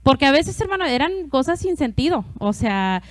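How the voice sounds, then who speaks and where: High-voiced woman giving a church testimony. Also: very animated, moderate pace, dry recording. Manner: chatty, often laughing, keeps addressing the congregation. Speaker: church member preaching. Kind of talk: testimony sermon.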